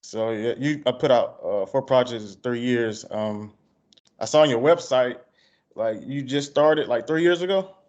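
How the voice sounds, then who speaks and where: A man's voice: medium pitch, measured pace, darkish tone. Male interviewer, country Georgia Southern accent, casual slangy delivery, muffled lo-fi sound. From Georgia, United States. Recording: dull, lo-fi call audio.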